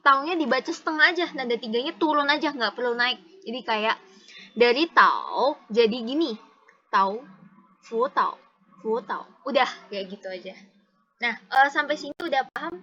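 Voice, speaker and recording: A woman's voice: high-pitched, a little fast, sharp tone, highs cut off. A woman teaching a casual one-on-one language lesson over a video call, explaining patiently step by step and repeating examples. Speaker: Mandarin tutor.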